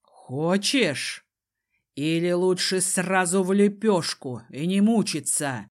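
A woman voicing a powerful man who threatens calmly and mockingly, in a slow, dropped voice. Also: fairly low pitch. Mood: menacing. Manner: slow, calm, mocking menace.

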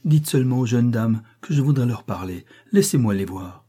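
A man's voice: medium pitch, lively intonation, moderate pace, mellow, lightly acted. A man voicing a starving young woman who pleads desperately at a door, read from a storybook. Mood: pleading.

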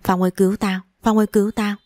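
A woman's voice: medium pitch, little pitch movement, fast talker, darkish tone, no room sound, clean studio sound, natural voice. A woman voicing a frightened, blunt young man who is the boyfriend's best friend in a spoken story. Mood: flustered.

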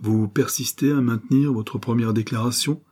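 A man voicing a formal examining magistrate who asks his questions in measured, official tones. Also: mid-range voice, steady tone, darkish tone, voice pushed up, close to an everyday voice.

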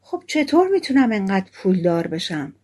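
A woman's voice: mid-range voice, big pitch swings, a little mellow, breathy edge. A woman voicing a naive cheerful peasant lad. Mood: eager. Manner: gullible, delighted exclamations.

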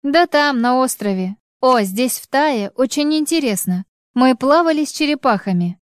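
In an audiobook, a woman puts on a nervous young wife who talks fast and a notch higher, forcing cheer into every lie. The voice is smooth and dry, recorded close with no room around it. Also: expressive, no echo. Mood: flustered. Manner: nervous, quick, overly bright. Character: flustered wife lying to her husband. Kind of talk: audiobook reading.

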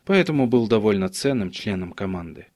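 A man's voice: fairly low pitch, lively intonation, brisk, a little mellow, dry recording. Male audiobook narrator, dry close voice.

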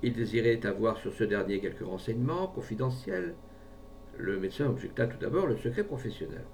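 A man reading a short story aloud in a theatrical, expressive style. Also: brisk, recorded from a distance, slight background noise. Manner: theatrical, voices each character with lively pitch.

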